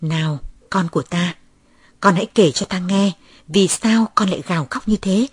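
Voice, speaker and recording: A woman voicing a gentle, solemn priest. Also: on the low side, husky, no echo. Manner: soft, slow, coaxing. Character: gentle, solemn male priest, middle-aged.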